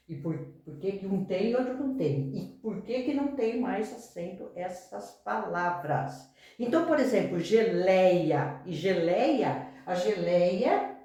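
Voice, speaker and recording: A woman teacher walks her class through a grammar rule, going over each point again and stopping to check that everyone follows. Her voice sits at a middle pitch, and it rings out through a very echoey room. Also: dark tone. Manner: explanatory, repeats rules, checks in with "tá?" and "ok?". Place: classroom with a whiteboard.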